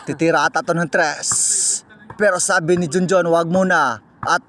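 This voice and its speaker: High-pitched excitable man calling a game. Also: normal speed. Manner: excitable, teasing, laughs often, shouts on plays. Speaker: play-by-play commentator. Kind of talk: playful mock sports commentary.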